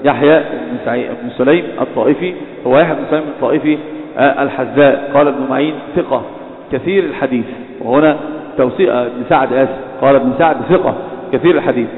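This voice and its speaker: A man's voice: medium pitch, very fast. A man gives a religious lecture on hadith criticism, often hesitating and correcting himself. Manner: frequent hesitations and self-corrections. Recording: echoey hall over a tinny phone-like line.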